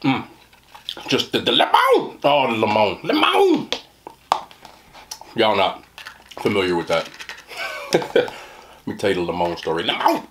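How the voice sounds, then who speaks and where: A man's voice: lowish voice, wildly swooping pitch, unhurried, pauses often, background noise. A young man doing a mukbang eating chat, joking in slang and talking while he chews. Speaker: food reviewer.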